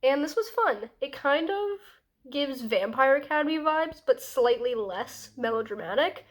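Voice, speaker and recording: A woman's voice: sits high, lively intonation, unhurried. A young woman with a congested, nasal voice, as if her nose is blocked, chatting casually in a rambling book vlog. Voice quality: stuffy, nasal. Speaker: book vlogger.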